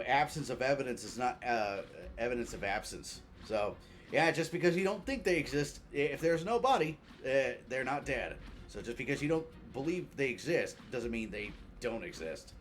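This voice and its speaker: Lively, offhand male game streamer. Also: medium pitch, normal speed, soft background music. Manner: jokey, offhand, muttering asides. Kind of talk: casual game commentary.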